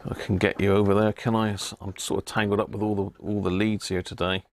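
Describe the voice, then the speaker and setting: A British man hosts a casual livestream about his CB radio hobby from an indoor radio room, rambling, thinking aloud and tossing chummy asides to viewers. His voice is on the low side, his delivery flat and fairly quick, with no room sound.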